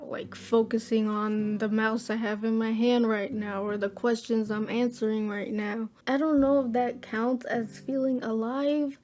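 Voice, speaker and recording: A woman's voice: on the high side, a little mellow. An upbeat woman, chatting casually through a Q&A vlog as a gaming YouTuber, with a slangy style. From Florida, USA. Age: 20s. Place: at home at her computer.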